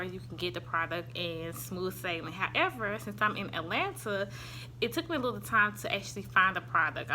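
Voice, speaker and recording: Speaking with a Southern US accent, a young supplement-reviewing vlogger rambles casually through a product review at home, full of ums. Her lowish voice is bright and forceful. The handheld phone recording carries a little hiss or hum.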